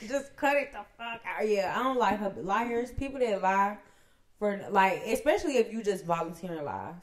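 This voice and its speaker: A young woman co-hosting a casual podcast, blunt and profane, reacting loudly to her friend's stories. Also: medium pitch, lively intonation, normal speed. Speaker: podcast co-host. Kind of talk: casual chat.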